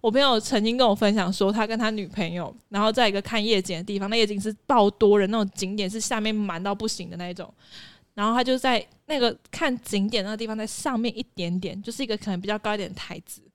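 A woman's voice: medium pitch, quick pace, dry recording. A woman, animatedly telling stories in a casual chat and often laughing as she goes.

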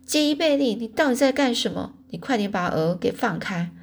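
A woman voicing a farm mother who shouts and scolds her son in a panic. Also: on the low side, moderate pace, vocal fry, breathy edge. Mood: scolding shouts.

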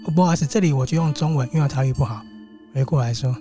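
A man hosting his own show tells a ghost story in a loose, chatty, animated way, with frequent asides to his listeners. His accent is Taiwanese Mandarin, and background music plays under his voice. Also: mid-range voice, rapid-fire. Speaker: host and storyteller. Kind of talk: casual ghost-story telling.

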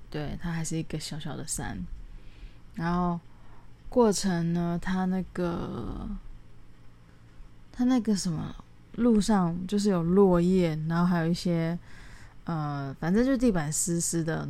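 Chatty rambling woman, slightly low voice. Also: dark tone. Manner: rambling, chatty storytelling with many restarts; mixes in English words. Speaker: solo podcast host. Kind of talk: casual bedtime monologue.

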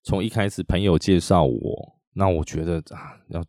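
A man from Taiwan with a Taiwanese Mandarin accent, hosting a podcast and telling a story in a chatty way with many drawn-out tag particles. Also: deep voice, steady tone, warm tone, no room sound, studio quality. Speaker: podcast host. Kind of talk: casual storytelling monologue.

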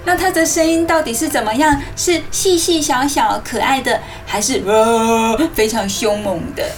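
A woman hosts a children's story programme, reading as if to a toddler, in animated simple phrases with coaxing questions. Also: on the high side, moderate pace, distant mic. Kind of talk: interactive storytelling to young children, asking questions. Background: music.

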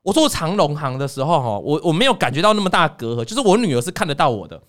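A man hosting a casual chat, telling stories in an animated way and acting out scenes. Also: a little high, very fast. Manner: animated storyteller, acts out scenes. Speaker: podcast host.

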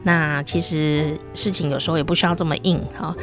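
A woman's voice: deep voice, fairly even intonation, a little fast, music in the background. A middle-aged woman telling a comic personal story in a chatty, playful way, with many sentence-final particles. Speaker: storyteller host.

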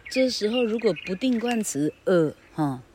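A woman's voice: mid-range voice, lively intonation, normal speed, a little mellow, a little hiss or hum. A woman teaching grammar in a casual, rambling way, spelling words out letter by letter. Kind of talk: casual spoken lesson.

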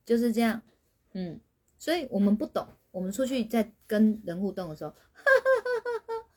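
A woman, a spiritual teacher on a livestream, explaining patiently as her phrases trail off softly. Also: medium pitch, a little fast. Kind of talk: livestreamed talk answering questions.

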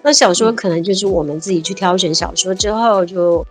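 Briskly and in a voice on the low side, a Taiwanese woman in her 50s chats as an interview guest over faint music. A civil servant by profession, she's animated, laughs easily, and uses many fillers.

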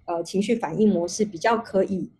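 A woman's voice: medium pitch, brisk, mellow, slight background noise. A woman, a researcher speaking as a guest in an online panel talk over a video call, explaining at length with many restarts. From Taiwan.

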